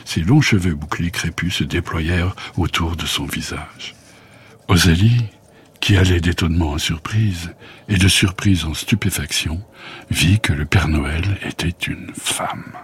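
A man narrating a scripted bedtime story for children in a calm, gentle reading voice. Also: low voice, measured pace, husky.

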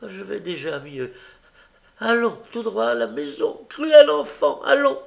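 A man voicing a sly young woman pickpocket who fakes loud, shrill distress in a storybook reading. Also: unhurried, creaky, highs cut off, heavily acted. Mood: wailing. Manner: wailing, shrill, overacted distress.

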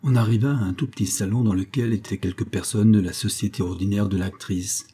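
A man narrating a historical novella as an audiobook in a measured storytelling manner. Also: fairly low pitch, steady tone, dark tone, slightly rough.

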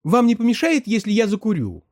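A man doing a jumpy, sharp-nosed woman on a train, her voice pushed high and shrill. She speaks insistently and keeps pressing every point. The reading is close and dry. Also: wildly swooping pitch, fairly quick, no echo. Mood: sly.

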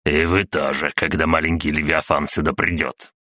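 A man's voice: a bass voice, level tone, moderate pace, pushed and bright, no echo, studio quality, heavily acted. A man voicing a scornful gang leader who mocks and bargains with menace. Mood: menacing bargaining.

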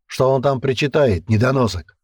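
A man voices a burly, coarse male commander who barks out orders in a gruff, boisterous way, pitching himself above his natural voice while still sounding close to everyday speech. His pitch is medium and his speed normal. The studio-quality recording has no echo.

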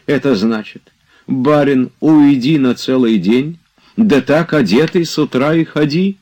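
A man reading aloud as an idle, touchy gentleman, reproachful and easily upset, in a storybook. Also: medium pitch, measured pace, voice pushed up, close to an everyday voice. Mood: exasperated. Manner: exasperated, reproachful.

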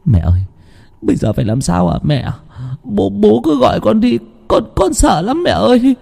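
Man playing a scared boy, high squeaky stammer, jumping all over the place. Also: sing-song, normal speed, gravelly, dark tone, exaggerated voice. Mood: terrified, pleading. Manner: stammering, panicked. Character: terrified young village boy, usually unruly.

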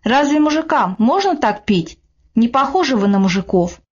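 A woman reading the part of a quiet, plain-spoken young peasant husband in a storybook. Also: normal speed, slightly rough. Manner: low, dull and flat when bored.

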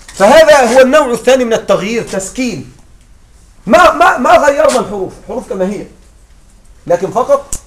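High-voiced male teacher, distant mic. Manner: patient, checks understanding with repeated questions. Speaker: Arabic grammar teacher. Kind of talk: classroom lesson.

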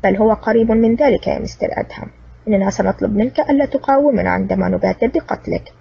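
A woman's voice: mid-range voice, quick pace, creaky, breathy edge. A woman voicing a cunning, gloating old man villain in a wheelchair in an audiobook, speaking smugly. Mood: sly menace. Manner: cunning, smug and mocking. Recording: distant, dull lo-fi recording.

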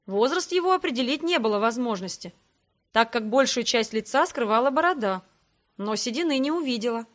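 Audiobook narrator, woman, fairly high voice, animated and wryly amused first-person fantasy reading. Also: a little fast. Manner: lively, wry storytelling.

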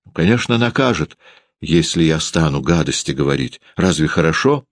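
A man's voice: extremely low pitch, expressive, normal speed, no echo, clean studio sound, full character voice. A man voicing a shy but stubborn teenage schoolboy. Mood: defensive.

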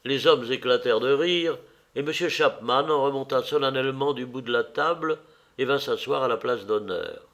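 An audiobook narrator with a mid-range voice reads a novel aloud, keeping his storytelling measured and even.

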